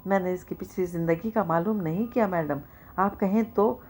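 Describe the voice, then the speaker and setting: A woman's voice: on the low side, darkish tone, lightly acted. A woman reading the part of an obedient male hired informant who reports in a rote way. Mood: reporting.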